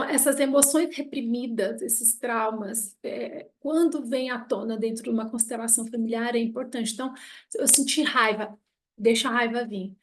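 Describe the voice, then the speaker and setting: High-voiced Brazilian woman teaching. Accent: Brazilian Portuguese. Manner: storytelling, emotional, with frequent "tá?" check-ins. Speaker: family constellation teacher. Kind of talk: casual spoken lesson.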